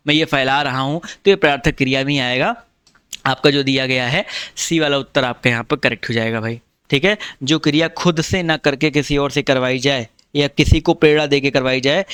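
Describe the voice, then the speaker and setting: A man's voice: mid-range voice, a bit bright, clean tone, no echo, clean studio sound. A male teacher going through a Hindi exam test, explaining each answer step by step and checking with students as he goes. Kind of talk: online test walkthrough lesson.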